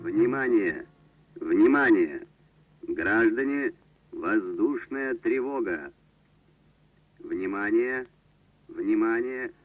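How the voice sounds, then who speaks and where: A man calling out an air raid warning through a loudspeaker or megaphone, in slow, drawn-out public calls. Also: on the low side, expressive, husky. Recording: tinny distant loudspeaker, old lo-fi.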